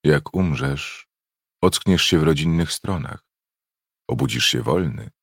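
A man voicing an old, grim but protective enslaved African woman in a slow, hushed whispered role-play. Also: rumbling low, animated, gravelly, slightly rough, no echo, studio quality, full character voice.

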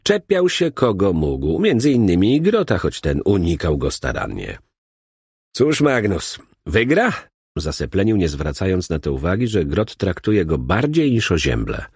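Male audiobook narrator, low and husky, very lively intonation. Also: normal speed, few pauses, dry recording, clean studio sound.

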